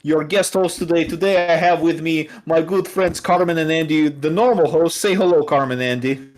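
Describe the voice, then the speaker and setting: A man guest-hosting a casual card game review, relaxed and joking with friends over a call. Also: a little high, moderate pace. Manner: relaxed, joking, laughs often. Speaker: guest host.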